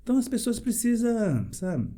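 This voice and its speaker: At a moderate pace, a male pastor preaches in a panel debate with a high, mellow voice that swings hugely in pitch. He speaks with emphasis, keeps posing rhetorical questions, and laughs in short bursts between phrases while telling his testimony.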